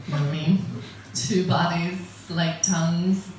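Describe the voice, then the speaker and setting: Here the American comedian, middle-aged and wry, speaks a little slowly in a lowish, darkish voice with fairly even intonation, chatting and laughing at her own material. The room echoes, she's heard from a distance, and there's slight background noise.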